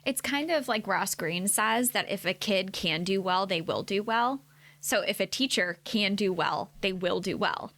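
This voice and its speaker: A woman's voice: medium pitch, a little slow. A young woman hosting a podcast, talking in a reflective, affirming way in casual conversation. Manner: warm, reflective, affirming listener. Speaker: podcast host. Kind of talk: casual chat.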